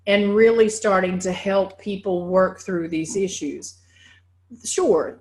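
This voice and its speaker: A woman dog behavior trainer with a Southern US accent giving a conversational training talk to foster volunteers, often checking in with "right?". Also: fairly low pitch. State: getting winded.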